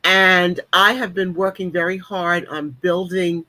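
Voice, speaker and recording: Late-sixties woman, upbeat panelist, chatty and warm-toned, dry mic. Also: lowish voice, level tone, unhurried, no echo, poor audio. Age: 60s. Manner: chatty, upbeat, with frequent ums. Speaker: panelist and leadership coach. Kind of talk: casual online panel talk.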